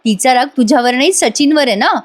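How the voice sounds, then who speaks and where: A fatherly middle-aged man, soft and reassuring, as a woman voices him in a raised pitch. He speaks kindly to calm his family, acted within a review of a TV serial. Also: fast talker. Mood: soothing.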